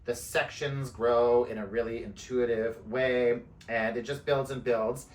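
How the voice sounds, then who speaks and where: A man talking casually to his camera in a mid-range voice. His talk wanders, full of "um"s and little laughs as he loses his thread. Relaxed, unscripted vlog chat. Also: medium pitch, measured pace. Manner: chatty, rambling, with many fillers and laughs. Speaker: knitting vlogger. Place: indoors, away from home.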